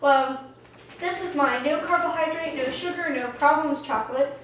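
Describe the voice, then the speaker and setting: A chatty young woman explains things in a playful, singsong way. Her voice sits high, and it sounds distant and muffled. Strong echo from the room surrounds it. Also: normal speed, a little hiss or hum. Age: young adult. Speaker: student presenter. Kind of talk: casual student video skit. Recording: echoey room, far from a dull mic.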